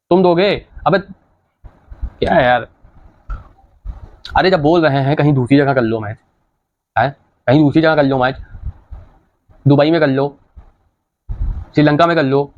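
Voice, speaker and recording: A man's voice: on the high side, muffled recording. A man hosting a reaction video, giving blunt, scolding, argumentative commentary in casual speech.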